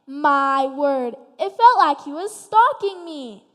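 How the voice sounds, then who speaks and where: A woman's voice: high-pitched, expressive, takes it slowly. A woman playing a sassy diva princess. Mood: gossipy. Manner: sassy, dramatic, complaining. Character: vain diva fairy-tale princess, then complaining pig. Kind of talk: stage play performance. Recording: stage in a reverberant hall.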